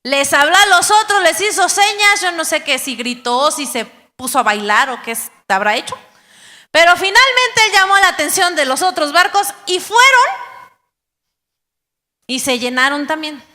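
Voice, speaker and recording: A woman pastor preaching a sermon, animated and acting out the voices of believers. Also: high voice, normal speed. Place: church hall. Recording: live church stream with long hall reverb.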